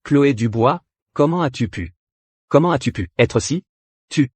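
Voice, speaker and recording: Husky, proud young prince. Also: male voice, medium pitch, lively intonation, unhurried, no room sound. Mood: indignant. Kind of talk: dubbed short-drama acting.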